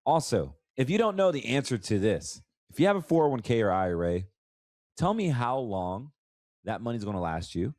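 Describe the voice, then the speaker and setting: Very animated and medium-pitched, an American man with an allergy-congested voice hosts a conversational podcast as a financial advisor. He moves at a moderate pace, sounds a little mellow, and repeats words for emphasis, all in a clean studio recording with no room sound.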